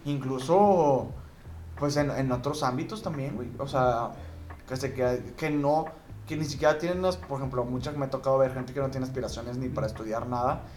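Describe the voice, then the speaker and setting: A man's voice: medium pitch, a little fast, darkish tone, slight background noise. A young Mexican man co-hosting a casual podcast chat, slangy and swearing freely, often restarting his sentences. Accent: Mexican Spanish. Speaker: podcast co-host. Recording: echoey room.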